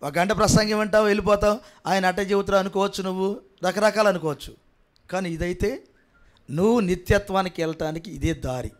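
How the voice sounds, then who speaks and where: A pastor preaching a sermon with a coastal Andhra Telugu accent, swinging between quiet pleading and loud shouting and asking the congregation repeated rhetorical questions. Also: male voice, sits high, a little fast.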